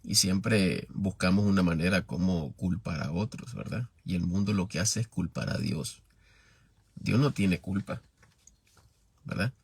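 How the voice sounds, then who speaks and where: Nicaraguan guy preaching real slow, kinda low voice, keeps checking with the listeners. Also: gravelly, a little mellow, husky, no room sound. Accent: Nicaraguan Spanish. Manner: measured, keeps asking "¿verdad?" to the listeners. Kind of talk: slow Bible teaching sermon.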